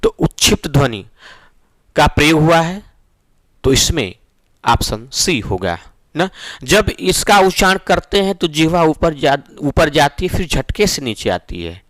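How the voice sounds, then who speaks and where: Male grammar tutor, middle-aged, explains methodically with frequent check-ins, higher pitch, dry recording. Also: big pitch swings, a little slow, a bit bright, dry recording. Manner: explains step by step, often asks "ठीक है ना?". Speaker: teacher. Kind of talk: exam-prep Hindi grammar lesson.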